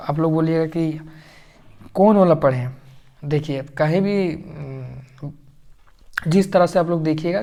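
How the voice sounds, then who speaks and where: A man teaching English phonics, sounding out words slowly and repeating them. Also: fairly high pitch, warm tone. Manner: slow, repetitive, drawn-out word sounding. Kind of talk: phonics lesson.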